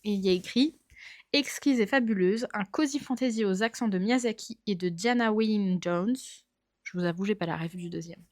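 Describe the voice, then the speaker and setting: A woman's voice: medium pitch, normal speed, a little mellow, no room sound, studio quality. A young woman chatting casually about her books at home, thinking aloud with lots of fillers, filmed on her phone. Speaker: book vlogger. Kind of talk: casual chat. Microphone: phone camera.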